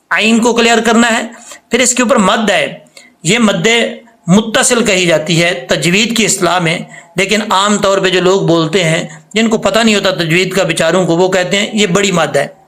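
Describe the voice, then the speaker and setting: A man teaching a tajweed lesson, explaining patiently and then reciting words slowly and drawn out as examples. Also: high-pitched, fairly bright tone.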